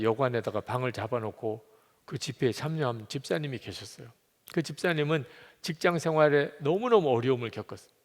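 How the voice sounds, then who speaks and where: Korean pastor preaching with loud emphatic rises. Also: male voice, mid-range voice. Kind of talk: sermon. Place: church sanctuary. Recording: long reverb of a church sanctuary.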